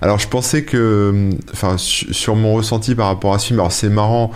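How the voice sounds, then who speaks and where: A man with a low voice casually tells a podcast co-host about a film he watched. He rambles and hesitates, peppering his talk with "euh" and "hein". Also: steady tone, fairly quick, darkish tone, clean tone. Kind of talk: casual chat, reviewing a film.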